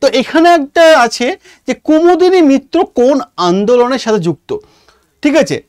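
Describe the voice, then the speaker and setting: In this online exam lesson, the history teacher's Indian Bengali accent comes through as he explains with emphasis and keeps asking brief questions to check understanding. His voice sits high and sing-song, a little mellow, at a moderate pace. The studio recording has no room sound.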